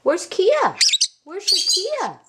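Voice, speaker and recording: Slow-paced woman cooing baby talk to birds. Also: very high voice, huge pitch swings. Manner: sing-song cooing with repeated short phrases. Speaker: pet bird owner. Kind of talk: affectionate baby talk to a pet bird. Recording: very noisy home recording with bird chirps.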